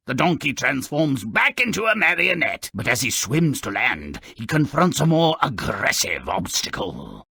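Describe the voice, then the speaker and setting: Grimm, a raspy, wildly swooping wicked gnome. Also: male voice, medium pitch, sharp tone, no room sound, heavily acted. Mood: wry storytelling. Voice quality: raspy, gravelly. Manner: mocking, exaggerated, relishing cruelty. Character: Grimm, gleefully malicious, sardonic gnome-like storyteller. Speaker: narrator. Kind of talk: theatrical scripted fairy-tale narration for a video game.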